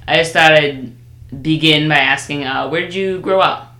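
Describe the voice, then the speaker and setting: Bright-voiced interviewer, off-mic. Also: male voice, on the high side, moderate pace. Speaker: podcast interviewer. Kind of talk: casual interview questions. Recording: distant, echoey room sound.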